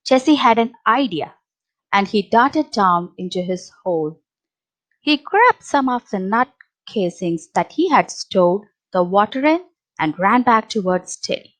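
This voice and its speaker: A woman reading a children's picture book aloud, with slow, expressive storytelling. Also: mid-range voice, low-quality recording.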